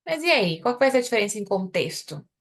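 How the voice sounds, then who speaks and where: A young adult woman with a Brazilian Portuguese accent, teaching an English lesson live online. She explains in Portuguese and says the English example phrases slowly and carefully. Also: medium pitch, big pitch swings.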